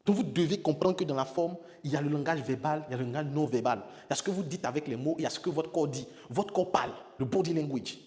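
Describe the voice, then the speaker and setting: A man's voice: fairly high pitch, fast talker, hardly any pauses. A man, a public speaking coach teaching with emphatic repetition. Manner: emphatic, repeats key words, demonstrates with sudden loud exclamations. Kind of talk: spoken lesson on public speaking. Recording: long hall reverb.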